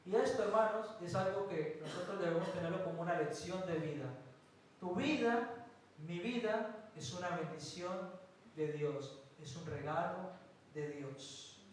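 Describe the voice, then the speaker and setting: A man from Colombia, a pastor, preaching a sermon with emphatic pauses and rhetorical questions. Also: high voice, a little hiss or hum. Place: church hall. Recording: very echoey hall from a distance.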